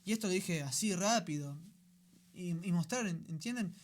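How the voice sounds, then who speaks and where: A man's voice: high-pitched, animated, normal speed. Emphatic Rioplatense man teaching on air. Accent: Rioplatense Spanish. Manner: keeps checking in with the listener, conversational and emphatic. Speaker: radio program host. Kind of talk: catechetical teaching talk.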